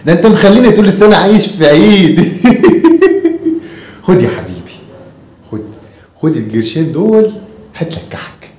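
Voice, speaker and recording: A man's voice: on the high side, quick pace, close to an everyday voice. Man playing a sarcastic Egyptian father. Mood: mocking. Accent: Egyptian Arabic. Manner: sarcastic, teasing, lively sing-song. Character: mocking, stingy father teasing his son. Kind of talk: home comedy sketch. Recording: echoey room.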